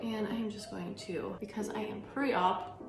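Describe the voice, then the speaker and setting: A woman's voice: medium pitch, steady tone, a little slow. Joking woman in an echoey room. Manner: joking, supportive listener with frequent "mm-hmm". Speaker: co-host, pre-op. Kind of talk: casual chat while doing makeup. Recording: echoey room with background music.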